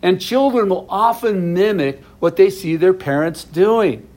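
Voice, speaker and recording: A man's voice: high voice, a little slow, a little mellow, faint music behind. A middle-aged man teaching a verse-by-verse Bible study, explaining each passage plainly with asides to his viewers.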